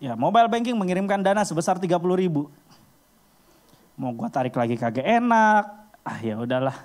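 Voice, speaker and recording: Animated man preaching in slang. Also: fairly quick. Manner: animated, acts out little scenes with sudden high jumps in pitch. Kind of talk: casual storytelling sermon.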